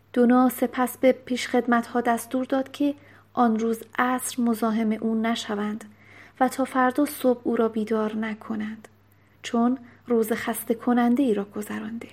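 A woman's voice: a little high, darkish tone. Woman reading a novel aloud. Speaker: audiobook narrator. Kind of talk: scripted storybook narration.

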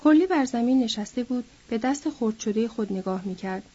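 A woman reading a novel aloud in a steady storytelling manner, on a dull lo-fi recording. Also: on the high side, breathy edge. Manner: steady storytelling, lifting her voice for quoted characters.

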